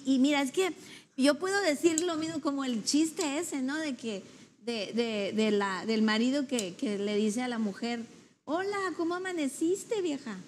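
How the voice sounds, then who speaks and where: A woman's voice: high voice, unhurried, a little hiss or hum. A woman making a thoughtful point in a casual Bible discussion, repeating words as she goes.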